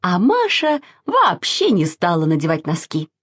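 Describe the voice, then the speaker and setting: A woman narrating a children's storybook in an expressive, sing-song way. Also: lowish voice, a little slow, breathy edge.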